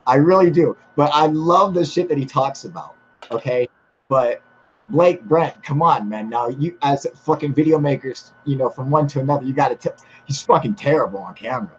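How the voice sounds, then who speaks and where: A man's voice: mid-range voice, normal speed. A man hosting a casual live stream about UFOs, swearing freely and laughing often, reading viewer chat. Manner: profane, excitable, laughs often. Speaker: host of a live UFO stream. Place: outdoors in humid air. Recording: slightly dull with faint hiss.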